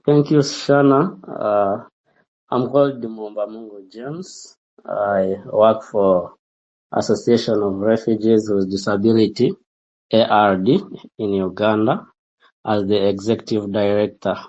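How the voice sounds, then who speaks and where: Man, slow and halting, lots of uh, low voice, muffled lo-fi sound. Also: steady tone, a little mellow. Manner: halting, many filler sounds. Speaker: executive director, guest. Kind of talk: panel discussion. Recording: dull lo-fi sound.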